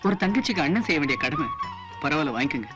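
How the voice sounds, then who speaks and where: A man playing a self-sacrificing brother who gently insists on paying. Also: on the high side, animated, rapid-fire, over music, lightly acted. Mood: pleading. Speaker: elder brother. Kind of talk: 1980s film acting.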